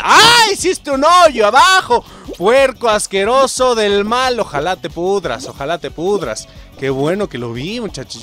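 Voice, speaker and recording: A young man with a Mexican accent giving excitable live gameplay commentary, swearing and shouting at the game. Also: fairly high pitch. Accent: Mexican Spanish. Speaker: gaming YouTuber.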